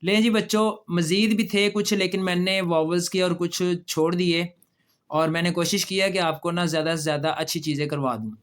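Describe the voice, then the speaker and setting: A man teaching a pronunciation lesson, patiently repeating example words slowly for children and asking them questions. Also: high voice, fairly even intonation, fairly bright tone. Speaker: English teacher. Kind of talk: classroom lesson explaining pronunciation.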